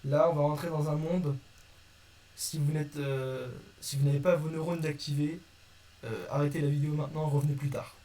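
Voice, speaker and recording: A man whose voice is on the high side yet dark in tone speaks with a flat delivery at normal speed. In a casual video lesson on a constructed language, he talks informally, uses many fillers, and corrects himself mid-sentence.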